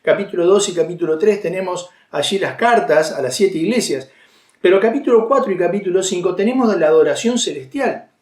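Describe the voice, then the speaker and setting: Argentine male preacher, high-pitched, conversational sermon in an echoey hall. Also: lively intonation, fairly quick, a little mellow. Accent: Argentine Spanish. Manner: conversational, with frequent fillers and restarts.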